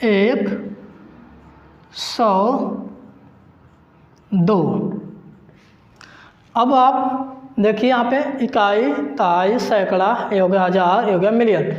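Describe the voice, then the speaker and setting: A man giving an online math lesson, explaining slowly and step by step, repeating each digit. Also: high voice. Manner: slow, repetitive, step-by-step explaining. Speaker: math teacher. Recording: roomy, dull lo-fi recording.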